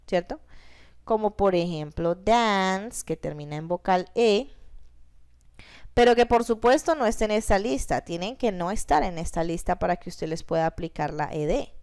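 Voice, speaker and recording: A woman teacher goes through grammar rules at an unhurried pace. Her voice is smooth and clear. She repeats each step and keeps asking short questions to check that her students are following. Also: lowish voice. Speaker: English teacher. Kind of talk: classroom grammar explanation.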